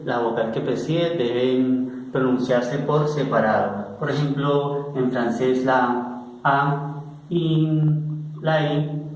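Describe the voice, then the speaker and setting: A man teaching a French lesson online, speaking slowly and patiently and repeating each example word several times. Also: mid-range voice. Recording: very echoey bare room.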